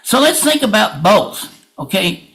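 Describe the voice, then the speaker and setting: A man's voice: sits high, sing-song, a little slow, pushed and bright, rough recording. A man making an impassioned public comment at a meeting, plain-spoken and emphatic, often repeating himself.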